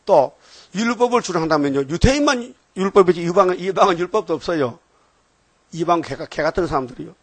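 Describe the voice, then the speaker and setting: A man's voice: fairly high pitch, dry recording. An older man giving an informal, rambling sermon, often checking on listeners with short questions. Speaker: preacher.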